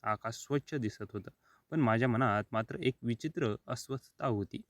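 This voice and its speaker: A man reading a first-person story as scripted narration, steady and even. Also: mid-range voice, moderate pace, no echo.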